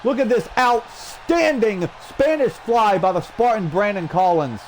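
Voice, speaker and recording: This excited wrestling commentary comes from a man calling a video game match play by play. His voice sits high and runs a little slow, and he shouts exclamations with a strained throat. Loud game crowd noise sounds behind him.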